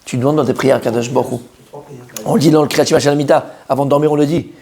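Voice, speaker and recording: A rabbi teaches a Torah class to a live group, speaking very fast in a mid-range voice. He's animated and emphatic, questioning his listeners and repeating key words to drive them home.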